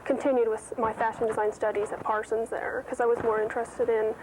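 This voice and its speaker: American woman in her 20s chatting as a tv guest, highish voice, old tape with clear hiss. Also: flat delivery, brisk. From United States. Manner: casual, answers in loose run-on sentences. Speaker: fashion designer guest. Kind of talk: studio interview. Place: TV studio. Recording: noisy early-1990s TV audio.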